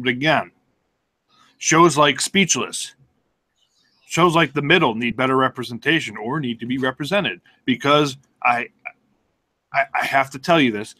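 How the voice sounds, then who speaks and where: A man's voice: mid-range voice, unhurried, sharp tone. A man co-hosting a casual chat, talking while eating, offhand and blunt. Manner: talks while chewing, offhand. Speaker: co-host.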